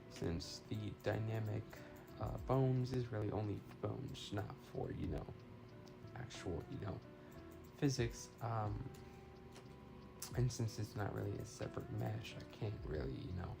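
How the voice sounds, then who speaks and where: A game development live streamer talks casually through his work, thinking aloud with some hesitation. His voice is lowish and creaky, picked up by a phone used as a mic placed slightly far away, giving a roomy sound with music in the background.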